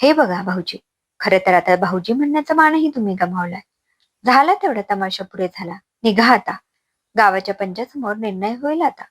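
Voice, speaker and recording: A woman voicing a young man, the heroine's cousin, who calms his aunt and firmly orders the husband out. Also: medium pitch, moderate pace, slightly rough. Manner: firm, angry dismissal. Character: young male cousin, firm and protective.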